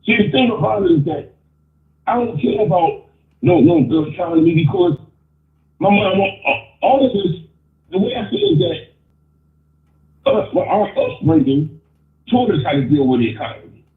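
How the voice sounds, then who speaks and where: A man calls in over a muffled phone line, his voice squeezed thin and echoing. He talks bluntly and stammers through restarts, pitched a bit high. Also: very animated, moderate pace, long pauses. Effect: muffled phone line over an earbud. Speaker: caller. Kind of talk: opinionated call-in rant. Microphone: wireless earbud on a phone call. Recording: muffled, tinny, echoey phone call.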